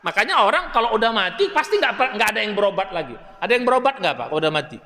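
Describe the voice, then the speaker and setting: An older man gives a dawn lecture in a mosque, his high voice ringing through the hall with a long reverb. He talks in a lively, folksy way, often calling out to the men and women listening. His tone is bright and forceful. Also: very fast. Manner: lively, folksy, addresses listeners as Pak and Bu, asks the crowd questions. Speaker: preacher.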